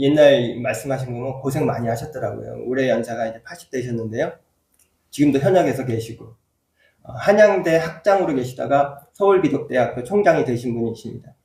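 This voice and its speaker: A man's voice: medium pitch, a little mellow. A man preaching as a church pastor, telling a personal story and then rising into emphatic preaching. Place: church sanctuary. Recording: echoey church hall, voice from far off.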